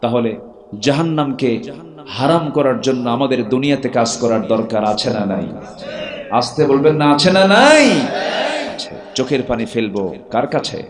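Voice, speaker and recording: A man preaching a sermon, calling on the crowd to answer loudly and swinging from soft passages to shouted high peaks, with chanted recitation in between. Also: normal speed, echoey room. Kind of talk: Bengali waz sermon with chanted Quranic recitation.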